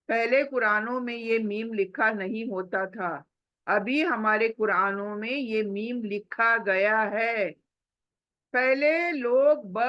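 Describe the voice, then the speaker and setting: A woman's voice: a little high, a bit bright, no room sound, muffled recording. A woman tajweed teacher who patiently repeats examples, hums the letters and asks questions she then answers herself. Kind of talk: recorded Quran recitation lesson.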